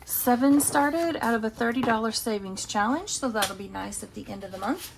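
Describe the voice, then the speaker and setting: A woman's voice: fairly high pitch, expressive, moderate pace, creaky, a little hiss or hum. A woman casually talking through her savings challenges, chatty and thinking aloud as she counts. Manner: chatty, talks to herself while counting. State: has the hiccups. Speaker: budgeting vlogger.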